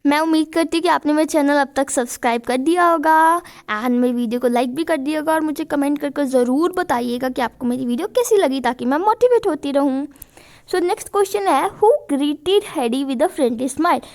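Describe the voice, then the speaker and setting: High-voiced woman teacher explaining a chapter. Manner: mixes Hindi and English, reads questions aloud slowly then explains.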